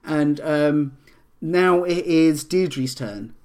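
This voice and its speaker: A man running a tabletop role-playing game as game master, describing scenes in a halting way with many fillers and restarts. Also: fairly high pitch, a little mellow.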